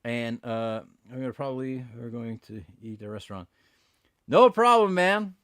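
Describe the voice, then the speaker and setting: A native French speaker with a Quebec accent hosts a casual bilingual podcast, switching between English and French in an animated, somewhat hesitant way. He talks briskly at medium pitch, and the audio is studio quality with no room sound.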